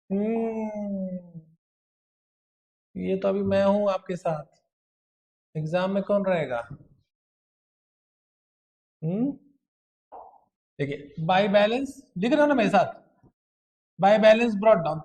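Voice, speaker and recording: A man's voice: sits high, darkish tone. A man from India teaching an accounts lecture, coaxing students with constant questions and mixing terms into his talk. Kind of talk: classroom lecture.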